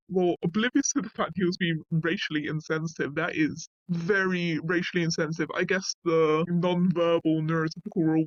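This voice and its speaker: A man's voice: high voice, no room sound, muffled recording. A man reading a wiki article aloud and breaking off into casual asides, often saying "like". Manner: reads passages, then breaks off into offhand asides with frequent "like".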